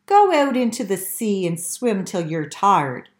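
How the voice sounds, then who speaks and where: A woman's voice: mid-range voice, very animated, a little slow. A woman voicing a fed-up, caring mother fish in a picture-book read-aloud, with an emphatic, scolding manner. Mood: exasperated, caring. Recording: roomy, echoing sound.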